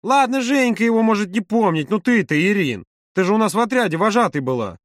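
A man reading an audiobook, voicing an excitable young woman who keeps exclaiming and pushing for answers. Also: sits high, brisk, dry recording, clean studio sound, pitched above the performer's own voice. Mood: excited. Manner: exclaiming, insistent.

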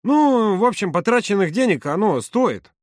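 A blunt, impatient family man, played by an audiobook narrator, grumbles with indignation. The voice is raised and forceful, moving around a lot. The recording is dry and close. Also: sits high, big pitch swings, moderate pace, no echo, pitched above the performer's own voice. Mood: indignant.

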